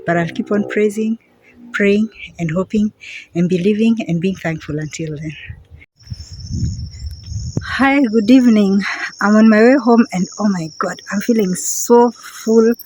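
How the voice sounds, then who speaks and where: Her voice is medium-pitched, warm and a bit breathy, delivered at a measured pace with long pauses, though the audio quality is poor. She's a middle-aged Kenyan vlogger with a Kenyan accent, walking outdoors in a quiet semi-rural area and chatting to her phone camera, often repeating words for emphasis, as birds and crickets sound nearby.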